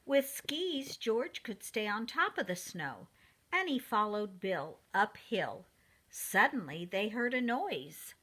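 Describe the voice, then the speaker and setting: A preschool teacher reads a storybook to her class, her pitch lively and swooping. She goes slowly and deliberately, her bright, clear voice aimed right at the young listeners.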